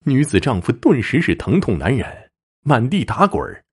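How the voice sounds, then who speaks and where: A man narrating a story dramatically, swinging between low murmurs and raised bursts. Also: wildly swooping pitch, moderate pace, slightly rough.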